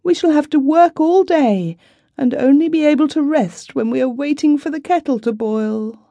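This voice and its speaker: A woman's voice: high voice, normal speed, warm tone, no echo, pitched above the performer's own voice. Woman voicing a tearful fretful young wife. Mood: plaintive. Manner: plaintive, complaining. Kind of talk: storybook reading.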